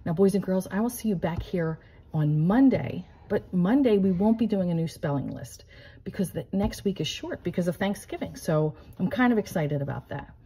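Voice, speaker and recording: A middle-aged American woman with a slightly husky voice, speaking as a teacher to young children in simple explanations. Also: on the low side, expressive, normal speed, warm tone, rough recording. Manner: simple explanations with frequent checking questions. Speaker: elementary school teacher. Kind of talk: instructional talk to young children. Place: living room at home, indoors.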